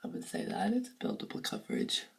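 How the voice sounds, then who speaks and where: This beauty vlogger speaks fast in a fairly low, creaky voice with huge swings in pitch. Groggy and sore-throated, she rambles casually through a makeup review in her home bathroom, now and then dropping almost to a whisper, recorded slightly far from the mic.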